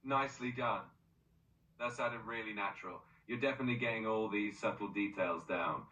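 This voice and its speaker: A man's voice: fairly low pitch, fairly quick, bright, forceful tone, reverberant, far from the mic, highs cut off. A male-sounding AI voice assistant coaching pronunciation, upbeat and encouraging with frequent praise.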